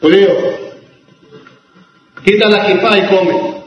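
A man's voice: sits high, steady tone, takes it slowly. A man voicing a bossy gentile man with a pistol in a spoken joke, giving blunt orders. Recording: echoey hall, distant mic, dull sound.

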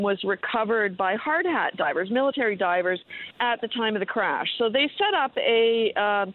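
A woman guest in a radio interview, calling in remotely and explaining things in a measured way as an expert. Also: medium pitch. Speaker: expert guest, explorer and diver. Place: on a dive boat, remote call. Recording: tinny, narrow phone line.

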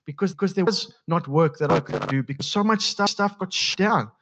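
A man from South Africa with a South African accent preaching a sermon as pastor, halting and often repeating his words. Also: high voice, background noise. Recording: dull lo-fi sound.

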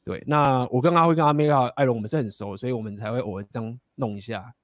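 Blunt fast-talking man telling stories. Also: mid-range voice, steady tone, no echo, clean studio sound. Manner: blunt, profane, laughing often. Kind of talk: casual storytelling and dating advice.

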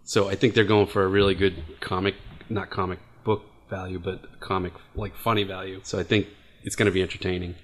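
A man's voice: low voice, little pitch movement, a little fast. A man co-hosting a podcast, talking casually in a rambling way full of fillers. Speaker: podcast co-host. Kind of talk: casual panel chat.

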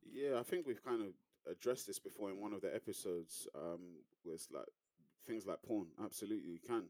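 Casting: young male podcast co-host, slightly low voice, conversational, very dry recording. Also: brisk, dark tone, no room sound. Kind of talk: casual chat.

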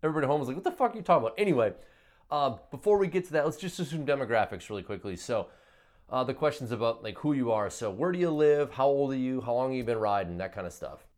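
A man's voice: mid-range voice, animated, quick pace, a little mellow. A man with a Wisconsin accent hosting a casual podcast interview, chatting informally and swearing freely. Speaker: podcast host. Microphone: online video call.

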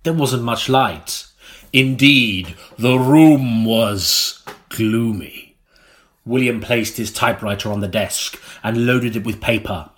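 In a recording studio, a male audiobook narrator gives a mock-serious, scripted gothic narration, deliberate and melodramatic. His voice is mid-range with a fairly bright tone.

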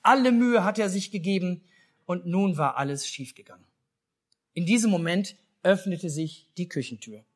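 Lively German storyteller man. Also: high voice, moderate pace. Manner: lively storytelling, asks children questions. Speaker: pastor. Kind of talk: children's story in a church service.

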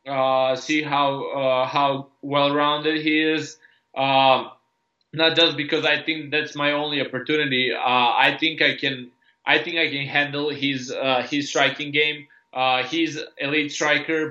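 Bright-voiced Serbian-accented fighter, roomy. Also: male voice, medium pitch. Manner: hesitant, many restarts and fillers, earnest. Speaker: MMA fighter. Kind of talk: interview answers. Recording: roomy, dull lo-fi sound.

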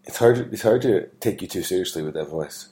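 A man with a very low voice hosts a casual chat podcast. He talks in an easygoing, teasing way, often pausing on ums and starting sentences over. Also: expressive, warm tone. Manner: teasing, easygoing, halting with fillers and restarts. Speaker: podcast host and father.

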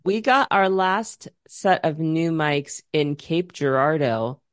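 A woman's voice: low-pitched, animated, takes it slowly. A woman co-hosting a podcast, chatting casually and rambling with restarts about her teaching semester. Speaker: podcast co-host; music teacher at a university. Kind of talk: casual chat.

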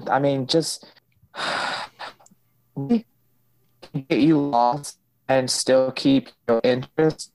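A man's voice: medium pitch, fairly even intonation, drawn-out words, pauses often, a little mellow, no echo, poor audio. Man on a call that keeps breaking up. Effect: online call audio breaking up and cutting out. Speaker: podcast co-host on a remote call. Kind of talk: casual movie chat.

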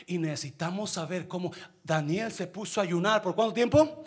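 High-voiced preaching man, husky and bright. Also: moderate pace. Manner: preaches to the congregation, swinging from low murmurs to shouting. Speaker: pastor. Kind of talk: sermon.

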